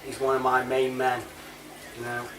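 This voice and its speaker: A mid-range, slightly bright male voice with a completely flat delivery moves at a moderate pace. The British speaker, an online reviewer and CB chat app user, rambles casually with matey chattiness and plenty of slang. The audio is roomy, with a distant mic and clear background noise.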